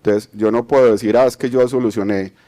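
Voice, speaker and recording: Speaking fast, this conference speaker has a low, warm voice with a steady tone. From Colombia with a Medellín accent, he explains his topic using lots of fillers and restarts, adding tag questions to check in with the audience.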